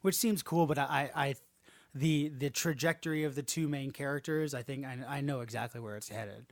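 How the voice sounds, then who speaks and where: A man co-hosting a gaming podcast, rambling and swearing casually in relaxed chat. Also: mid-range voice, a little fast, dry recording. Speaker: podcast co-host.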